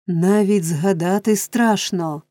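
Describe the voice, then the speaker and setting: A woman's voice: mid-range voice, takes it slowly, dark tone, no room sound, clean studio sound, natural voice. A woman voicing a melodramatic middle-aged workhouse matron who talks breathlessly and moans. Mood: distressed. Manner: breathless, moaning.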